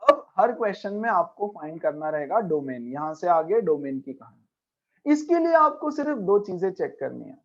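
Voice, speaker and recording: A man's voice: high-pitched, very animated, moderate pace, lo-fi sound. A man teaching a maths class as a lecture, emphatic, repeating key points and checking in with his students. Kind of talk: classroom lecture mixing Hindi and English.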